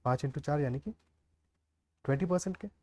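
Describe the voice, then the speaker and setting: A man with a fairly high, slightly mellow voice teaches a maths lesson a little fast, one step at a time. He explains aloud and frequently checks the class's understanding with "clear?" and "okay."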